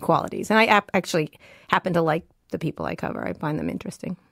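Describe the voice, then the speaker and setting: A woman reporter being interviewed in a studio, self-assured and blunt, talking with lots of quick fillers. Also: fairly low pitch, wildly swooping pitch, vocal fry, no echo. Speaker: tech reporter, guest. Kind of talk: conversational interview.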